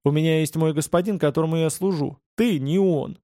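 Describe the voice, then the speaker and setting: A man voicing a sharp-tongued young male bodyguard who mocks and threatens in a higher voice than his narration. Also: a little fast, no echo, clean studio sound, close to an everyday voice. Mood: mocking. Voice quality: mocking, cutting.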